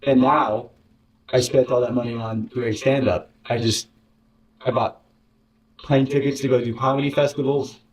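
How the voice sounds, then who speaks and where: As an interview guest, this former contestant gives a rambling, sarcastic, candid account of a bitter experience. His medium-pitched, darkish voice stays fairly even at a normal speed, with frequent pauses. There is slight background noise, and the distant mic sounds roomy.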